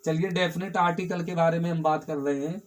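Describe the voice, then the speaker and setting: High-voiced man teaching grammar. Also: fairly even intonation, brisk, faint music behind. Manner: explains step by step, asks students questions and answers them himself; repeats key words for emphasis. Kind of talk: classroom grammar lesson.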